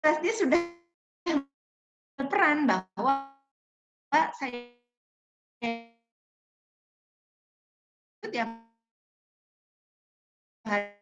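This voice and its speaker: A woman's voice: sits high, very animated, drawn-out words, long pauses, music in the background. A woman giving a parenting seminar over an online call. Her voice keeps breaking up and dropping out, and she talks in an explaining way with many fillers. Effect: online call audio breaking up and dropping out. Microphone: video call. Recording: choppy muffled video-call audio.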